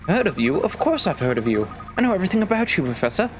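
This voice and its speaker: A man voicing an eager, cheerful young woman assistant from a video game, talking in a chirpy, excitable way. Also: sits high, fast talker, a little hiss or hum.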